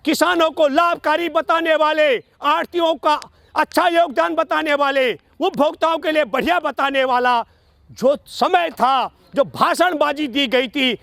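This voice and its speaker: A man's voice: very high voice, creaky, fairly bright tone, dry recording. A man delivering emphatic, argumentative political commentary in an oratorical way, building his case point by point and repeating phrases for stress. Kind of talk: political commentary speech addressed to an interviewer.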